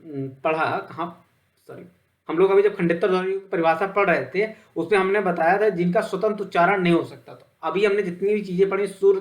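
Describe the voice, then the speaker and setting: A male teacher giving a Hindi grammar lecture, asking questions and answering them himself. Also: high voice. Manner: plain, steady explaining with frequent fillers.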